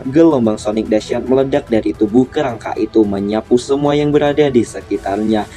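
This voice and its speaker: A man with an Indonesian accent narrates a dramatic fantasy tale in a low, mellow voice. His delivery is scripted storytelling, set over background music.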